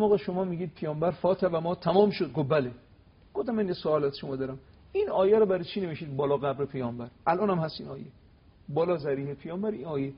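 A man giving an animated religious talk on television, telling stories and acting out quoted exchanges with emphasis. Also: slightly rough, dull audio. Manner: emphatic, acts out quoted dialogue with rising pitch. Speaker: cleric guest on religious TV talk. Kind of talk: animated religious lecture with storytelling.

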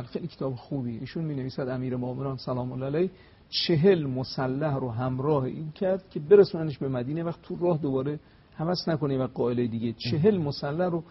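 A husky-voiced man speaks as a scholar guest, recounting religious history with emphatic peaks. He slows deliberately whenever he recites Arabic. The sound is slightly dull, like muffled broadcast audio. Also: medium pitch. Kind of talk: storytelling lecture on religious history.

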